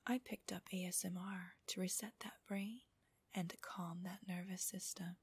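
A woman narrating an adult ASMR audio in a soft, breathy whisper, with a slow, intimate and teasing manner. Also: lowish voice, fairly even intonation, no room sound. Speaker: host of erotic relaxation audios.

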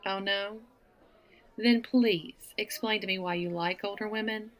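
An unhurried, medium-pitched woman's voice with fairly even intonation carries a Southern accent. She's teasing and flirting with a stranger at a bar, laughing frequently, in a one-sided audio roleplay.

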